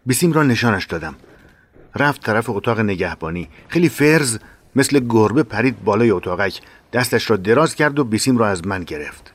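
A man narrating a war memoir in a measured, dramatic reading. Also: fairly low pitch, lively intonation, no room sound.

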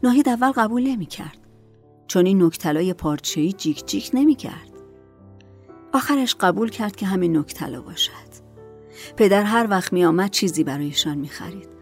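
A woman narrating a dramatic story in a measured, soft manner. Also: mid-range voice, expressive, faint music behind.

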